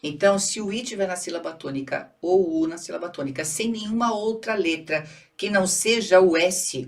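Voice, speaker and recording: A woman's voice: low voice, distant mic. A Brazilian woman teaching Portuguese for a public exam, explaining step by step, checking in with the listener and stretching syllables to show word stress. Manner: didactic, checks in with "tá bom?" and "certo?". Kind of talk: exam-prep grammar lesson.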